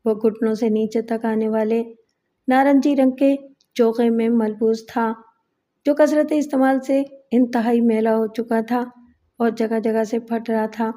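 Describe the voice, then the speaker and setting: A woman narrating a crime thriller novel as an audiobook, in measured, literary storytelling. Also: on the high side, level tone, mellow.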